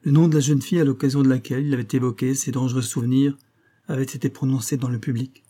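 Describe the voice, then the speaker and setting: A man narrating a novel in a steady, even reading voice. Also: mid-range voice, fast talker. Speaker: audiobook narrator. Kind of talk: scripted narration.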